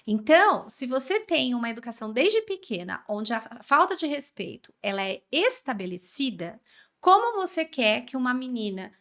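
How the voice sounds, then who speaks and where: Woman, Brazilian accent, podcast guest, animated, very expressive pitch. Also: normal speed. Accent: Brazilian Portuguese. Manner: animated, acts out quoted parents and kids. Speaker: guest expert on emotional education. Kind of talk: conversational podcast interview.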